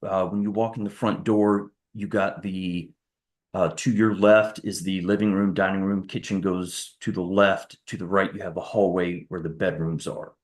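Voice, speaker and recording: A man's voice: deep voice, flat delivery, moderate pace. A man giving courtroom testimony as a witness, walking through events in a careful, methodical, step-by-step way. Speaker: witness on the stand.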